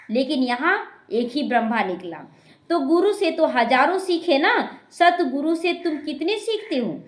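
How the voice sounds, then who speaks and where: A woman, a spiritual teacher explaining scripture to a class, repeating her points and speaking straight to her listeners. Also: sits high. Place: meditation class hall. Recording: echoey room.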